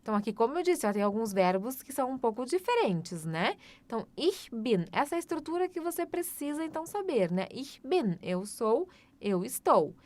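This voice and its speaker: A woman, teaching German in a slow, patient language lesson and repeating each phrase. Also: on the high side, very animated, darkish tone. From Brazil.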